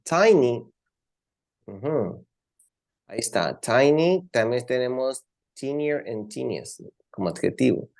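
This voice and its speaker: A man's voice: mid-range voice, animated, slow, vocal fry, long pauses, a little mellow. A man teaching English comparatives in an online class, switching between languages and patiently repeating words for his students.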